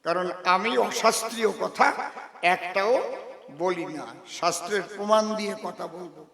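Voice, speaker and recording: A man's voice: high-pitched, a little slow, gravelly, fairly bright tone, echoey room, in a large hall. A man with a giving a combative, defiant folk-song discourse on stage, breaking into sung lines and chanted calls. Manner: combative, defiant, challenges scholars. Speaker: kabigaan folk singer and preacher. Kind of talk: stage kabigaan discourse, preaching to a crowd.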